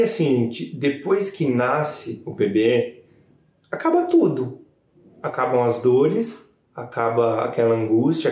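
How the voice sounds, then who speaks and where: Mellow-voiced man recounting a birth, casual and animated, roomy echo on the mic. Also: mid-range voice. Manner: chatty, animated retelling with frequent "né" tags. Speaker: new father telling his partner's birth story. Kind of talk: casual storytelling to camera.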